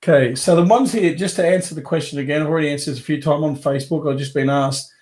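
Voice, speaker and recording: Fairly high-pitched and fast-talking, with a darkish tone, this man coaches carpet cleaning businesses in a live webinar Q&A from his home office. He has a head cold, his voice is fading, and he rambles casually with plenty of fillers and restarts.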